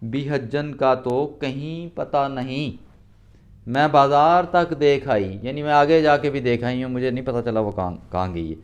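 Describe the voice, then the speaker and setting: A man's voice: medium pitch, close to an everyday voice. A man reading the lines of a simple young servant girl in a storybook lesson, calling out in a rush. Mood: flustered. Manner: shouting out in a rush.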